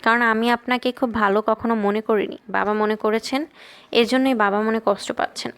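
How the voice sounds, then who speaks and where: A woman's voice: on the high side, fairly even intonation, normal speed, fairly bright tone, clear, resonant tone. A woman reading as a blunt younger sister. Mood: frank. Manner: frank, questioning. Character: blunt teenage girl, sharp and protective.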